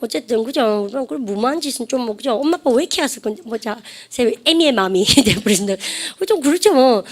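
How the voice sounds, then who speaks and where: A woman's voice: fairly high pitch, expressive, quick pace, hardly any pauses. A woman English teacher giving a chatty vocabulary lecture, prompting the class to repeat phrases and laughing often.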